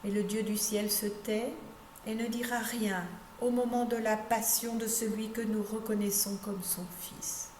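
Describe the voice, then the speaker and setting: A woman pastor giving a measured meditation on a psalm, stressing key phrases and letting her voice drop at the ends of sentences. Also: mid-range voice, level tone, darkish tone. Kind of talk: slow meditative sermon reading. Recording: echoey room with faint background noise.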